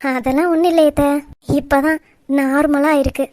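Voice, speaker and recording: A woman's voice: high voice, fairly even intonation, moderate pace, a little mellow, no echo, clean studio sound, natural voice. A woman voicing a bold, fearless young bride-to-be in a cartoon, teasing her elders cheekily. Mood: cheeky. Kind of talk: cartoon voice acting.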